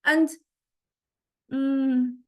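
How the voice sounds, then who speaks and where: Walking her class through a demo, a music technology instructor thinks out loud in a steady tone. Her fairly high voice moves in tentative, halting phrases during this informal recorded software lecture.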